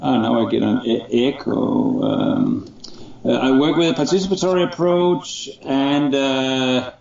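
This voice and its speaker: A man's voice: mid-range voice, very animated, unhurried, creaky, darkish tone. A middle-aged man, an associate professor speaking thoughtfully and hesitantly, with many fillers, in an interview over a video call. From Denmark. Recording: echoey, muffled call audio.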